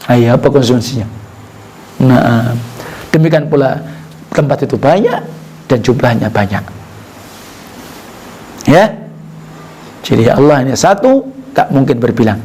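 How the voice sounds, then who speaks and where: A man's voice: fairly high pitch, a little mellow. An Indonesian man giving an Islamic sermon, reciting Arabic texts, translating them and asking the audience rhetorical questions as he explains. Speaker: Islamic preacher.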